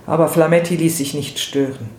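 A man reading literary prose aloud in a measured, expressive way. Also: on the high side. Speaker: reader. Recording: roomy with faint noise.

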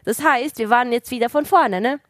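A woman telling a story in casual chat, lively and laughing often. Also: on the high side, brisk, dry recording.

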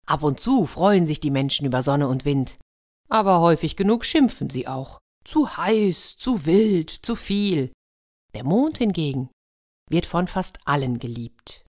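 A woman reading a fairy tale aloud to her listeners, lively and animated, with soft asides. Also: low voice, a little slow. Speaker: storyteller.

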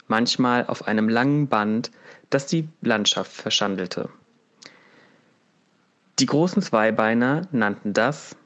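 A man reading a fable aloud in a calm, measured way. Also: medium pitch. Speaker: storyteller.

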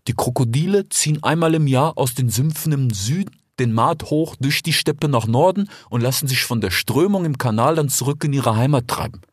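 A man voicing a smooth-talking male desert fox in a storybook, chatty and persuasive, ending his sentences with little tag questions. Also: mid-range voice, normal speed, few pauses, no echo, clean studio sound, lightly acted. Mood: coaxing. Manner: chatty, keeps tagging "ja?" and "ich schwör". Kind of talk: audiobook character voice.

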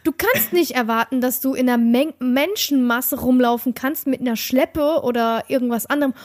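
A woman's voice: sits high, moderate pace, darkish tone. A young woman chatting casually as a podcast host, telling a story with lots of restarts and fillers. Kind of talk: casual chat.

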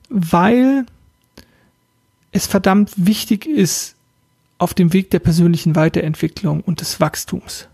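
A man talks on his self-help podcast in a relaxed, reflective way, speaking straight to the listener. His voice is husky and mellow, with a soft, grainy edge. The sound is dry and close, with no room around it. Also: sits high, dry recording. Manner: casual, thoughtful, addresses listener directly. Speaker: podcast host and coach.

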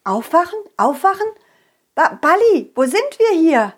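A woman's voice: extremely high pitch, big pitch swings, measured pace, pitched above the performer's own voice, exaggerated voice. Woman doing an eager, wondering young boy. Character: curious, friendly young boy.

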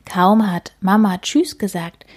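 A woman reading a children's story aloud, her delivery soft and gentle, often dropping toward a whisper. The voice is airy and breathy, in a middle pitch. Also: fairly even intonation, slow pace.

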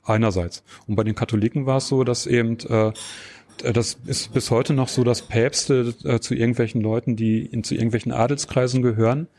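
A man answering interview questions, explaining at length and pausing often with fillers and tag questions. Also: medium pitch, steady tone, darkish tone. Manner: hesitant, many filler sounds and tag questions. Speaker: interview guest.

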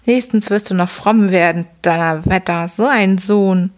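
A woman voicing a gruff, bullying middle-aged father who scolds his son in a bedtime audiobook reading. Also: mid-range voice, measured pace, natural voice. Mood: threatening. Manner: bullying, scolding, barking questions. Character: gruff shouting drunken old father, middle-aged man.

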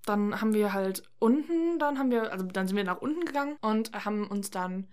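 A woman's voice: mid-range voice, expressive, a little fast, a little mellow. A woman co-hosting a casual chat, telling a story with energy, acting out quoted dialogue and swearing now and then. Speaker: podcast co-host.

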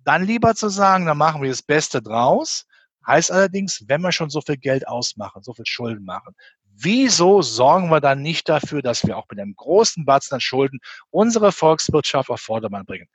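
A husky, higher-pitched man from the Rhineland in western Germany, near the Belgian and Dutch border, argues emphatically as an interview guest commenting on economics and finance. His fairly bright voice is full of rhetorical questions in animated spoken opinion, with no room sound.

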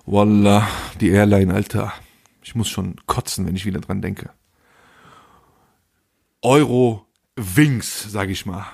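A man's voice: lowish voice, little pitch movement, moderate pace, gravelly, a little mellow, husky. A man hosting a podcast, telling a comedic story in crude street slang and acting out the lines he quotes. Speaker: podcast host.

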